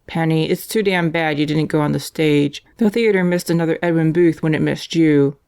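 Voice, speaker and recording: A woman's voice: sits low, fairly even intonation, moderate pace, a little mellow, clean tone. A woman voicing a mocking, scheming male death row inmate who turns ingratiating. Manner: sneering, then ingratiating.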